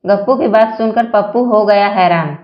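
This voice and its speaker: A woman reading a series of short jokes aloud, telling them slowly and evenly with the quoted lines. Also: mid-range voice, reverberant, dull audio. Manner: slow, even joke telling with quoted lines. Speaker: joke narrator.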